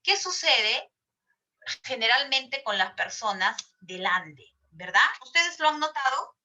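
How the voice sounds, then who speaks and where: Peruvian woman teacher, bright, slightly high voice, lectures and quizzes the class, repeats phrases. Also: very animated, slow. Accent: Peruvian Spanish. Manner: asks the class questions and repeats herself often.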